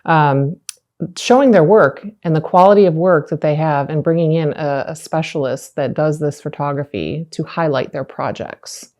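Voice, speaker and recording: Low-voiced woman hosting an interview. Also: normal speed, a little mellow. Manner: friendly, conversational hosting with fillers. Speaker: host. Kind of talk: podcast interview.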